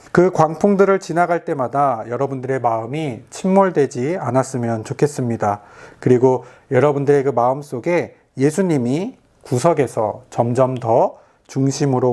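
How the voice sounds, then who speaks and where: A man giving a recorded video sermon to a youth group as their pastor, earnest and gentle, speaking directly to his listeners. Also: mid-range voice.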